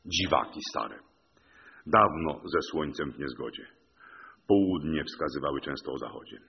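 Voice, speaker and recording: A man reciting epic verse in a measured, rhythmic narration. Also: rumbling low, expressive, vocal fry, slightly rough, highs cut off.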